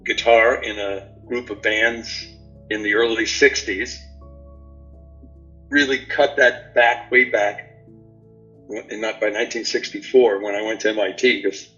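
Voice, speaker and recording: A man's voice: on the low side, fairly even intonation, pushed and bright, soft background music. Older man, rambling, dull lo-fi audio. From New York City. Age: 70s. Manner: unhurried, rambling, with many fillers and restarts. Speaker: guest. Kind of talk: casual interview answers. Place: remote call from a beach house.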